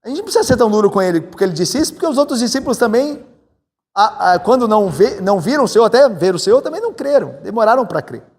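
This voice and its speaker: A man from Brazil, a pastor preaching a sermon in a conversational way, often tagging his points with quick questions to the congregation. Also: husky. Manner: conversational, tag questions, animated swings in pitch. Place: church sanctuary. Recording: church hall with long reverb.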